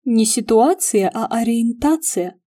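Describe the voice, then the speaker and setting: A woman reading the lines of a nosy, teasing male friend in an audiobook, voiced lightly with a lifted, lively tone. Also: on the high side, slow, no room sound, clean studio sound, voice pushed up. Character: chatty nosy young man, teasing friend.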